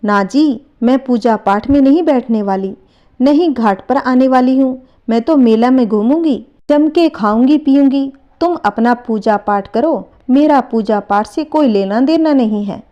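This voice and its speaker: A woman's voice: high-pitched, a little slow, muffled recording. A woman voicing an irritable young wife who speaks sharply and dismissively in a told folk tale. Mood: scornful.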